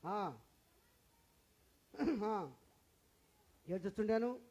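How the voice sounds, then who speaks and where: A man's voice: high-pitched, lively intonation, drawn-out words, darkish tone, rough recording. A male pastor preaching an Easter sermon in a church, repeating phrases and firing questions at the congregation.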